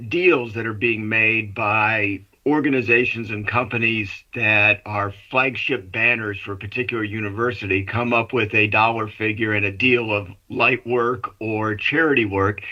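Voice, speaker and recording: Muffled bright-voiced man, sounding through a wall. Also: medium pitch. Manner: explanatory, chatty. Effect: muffled, as if heard through a wall. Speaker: sports commentator. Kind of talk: call-in radio sports talk. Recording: muffled remote line.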